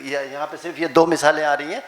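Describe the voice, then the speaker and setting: A man's voice: fairly high pitch, fairly even intonation. An older man teaching a classroom tajweed lesson, patiently drilling letter sounds. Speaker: Quran recitation teacher. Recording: echoey classroom with background noise.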